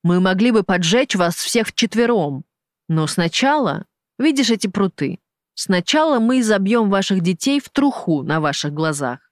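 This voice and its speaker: A reader voices a cruel, mocking male gang boss for an audiobook. He taunts and threatens in a false, friendly way, his voice pitched up and pushed loud. The recording is dry and close. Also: expressive, normal speed, dry recording, close to an everyday voice. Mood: menacing. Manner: sneering, taunting, falsely genial. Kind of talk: audiobook character voice.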